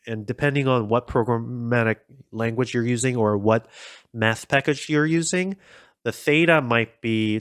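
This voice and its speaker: A man's voice: medium pitch, fairly bright tone, no echo. Tutorial host: casual man talking through code at his desk, chatty and self-deprecating, dry close mic. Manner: chatty, self-deprecating, thinks aloud with fillers. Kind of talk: casual code-along explanation.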